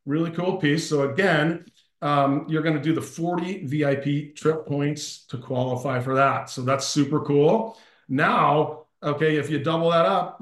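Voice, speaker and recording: Excited guy running a team video call, kinda high voice, lots of ums, roomy echo. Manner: enthusiastic, chatty, many fillers and jokes. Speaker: host of a company team call. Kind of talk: upbeat live video call presentation. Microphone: computer mic on a video call.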